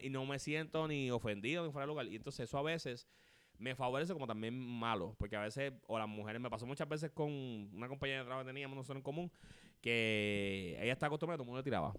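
A man, co-hosting a podcast in casual chat and telling stories in a rapid, animated way full of slang. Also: mid-range voice, no echo. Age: 30s. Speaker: podcast co-host.

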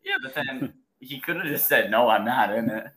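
A man's voice: medium pitch, expressive, normal speed, fairly bright tone, poor audio. A man co-hosting a casual podcast, explaining details in a matter-of-fact way. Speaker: podcast co-host. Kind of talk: casual chat.

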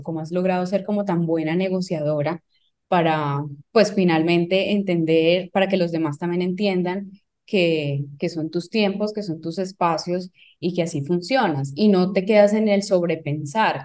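A woman with a Colombian Spanish accent, interviewing in a quick, relatable way that includes herself. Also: fairly low pitch, warm tone. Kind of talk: casual conversational interview.

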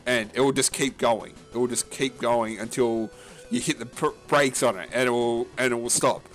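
A man co-hosting a casual gaming podcast, talking in a rambling, halting way full of fillers and restarts, with a casual, profane manner. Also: mid-range voice, steady tone, faint music behind. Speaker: podcast co-host.

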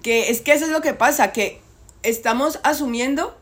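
A woman's voice: high-pitched, moderate pace, a bit bright. A woman talking insistently in a casual debate, repeating herself to drive points home.

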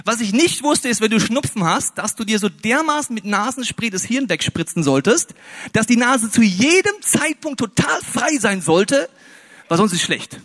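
A man's voice: high voice, animated, moderate pace, fairly bright tone. A man, a pastor, preaching a sermon and telling a funny personal story, acting out the dialogue with raised voices.

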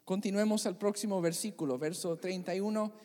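A pastor preaching a sermon in a church, expressive and dramatic, asking the congregation questions. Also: mid-range voice, fairly quick. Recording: long church hall reverb.

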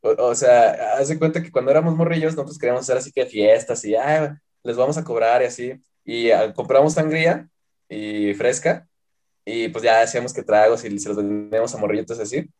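Fast-talking slangy Mexican young man. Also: mid-range voice, a little mellow. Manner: slangy, rambling, swears freely. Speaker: podcast guest. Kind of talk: casual chat.

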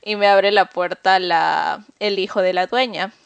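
A woman's voice: medium pitch, steady tone, unhurried, vocal fry, smooth, no room sound, lo-fi sound. Woman telling a confessional story, dry sound. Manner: confessional, self-mocking, many fillers. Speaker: podcast co-host. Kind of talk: casual storytelling chat.

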